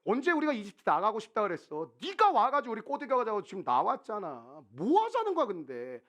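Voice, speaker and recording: A man's voice: high-pitched, wildly swooping pitch, brisk, exaggerated voice. A man acting out grumbling angry Israelites. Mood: accusing. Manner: rough, accusing, shouting.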